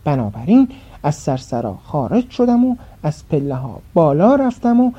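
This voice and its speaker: Dark-voiced woman telling a tale. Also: deep voice, breathy edge. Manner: expressive, dramatic. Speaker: storyteller. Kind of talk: scripted storybook narration. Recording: dull lo-fi.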